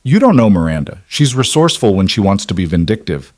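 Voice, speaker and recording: A man's voice: on the low side, sing-song, fast talker, a little mellow, no echo, studio quality. A man voicing a tense, worried single father in an audiobook, guarded and anxious. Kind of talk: scripted audiobook narration.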